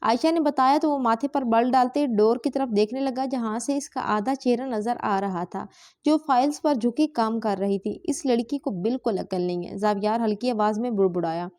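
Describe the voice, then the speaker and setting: A woman with a Pakistani Urdu accent reads a romance novel aloud as audiobook narration, handling every character's dialogue herself. Her voice sits high, and she keeps the reading dramatic and steady throughout. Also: normal speed.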